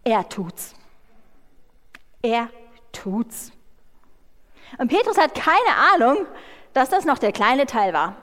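A woman preacher giving a sermon, retelling the story in a lively way and speaking directly to her listeners. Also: a little high, takes it slowly, long pauses, big-room sound.

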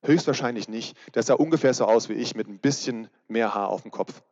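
A man's voice: medium pitch, brisk, a little mellow. A man preaching a casual youth sermon, chatty and asking his listeners direct questions. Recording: reverberant hall, dull sound.

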